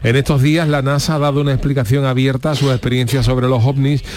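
A man's voice: medium pitch, little pitch movement, fast talker, a little mellow. A man hosting a radio comedy show, delivering humorous monologue and banter in a mock-serious, wry way.

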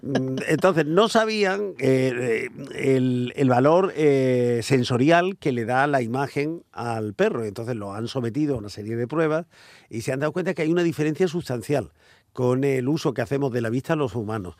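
A man's voice: medium pitch, animated, normal speed, darkish tone, no echo, clean studio sound. A man co-hosting a radio talk show, explaining a topic with frequent hesitations. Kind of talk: lively radio studio chat.

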